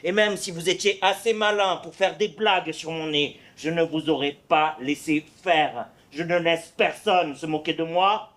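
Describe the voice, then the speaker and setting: Brief: male actor as a boastful big-nosed poet swordsman on stage, high voice, slow and hesitant delivery. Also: fairly bright tone. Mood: mocking. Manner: proud, teasing, theatrical recitation with hesitant fillers. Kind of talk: amateur stage play performance.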